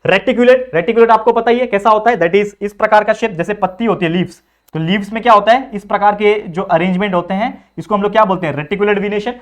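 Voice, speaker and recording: Young male tutor, brisk and high-pitched, lecturing and answering his own questions. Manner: asks rhetorical questions and answers them himself; mixes English terms into Hindi explanations. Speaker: biology tutor. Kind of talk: classroom lecture.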